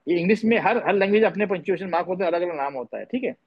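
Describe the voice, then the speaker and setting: A man's voice: sits high, rapid-fire, breathy edge, dull audio. A man teaching tajweed in an online class, patiently quizzing students and repeating his points. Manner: mixes English words into speech. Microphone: online class audio.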